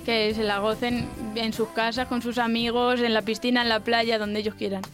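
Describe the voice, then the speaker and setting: A young woman, a singer who is a radio guest, answering in a soft-spoken, hesitant way. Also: on the high side, little pitch movement, normal speed, over music. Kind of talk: radio interview.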